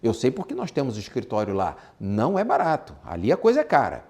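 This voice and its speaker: This Brazilian-accented business instructor lectures informally about exporting, his mid-range voice swooping wildly in pitch at a fairly quick pace with a slightly mellow quality. He's emphatic, restating ideas and asking rhetorical questions.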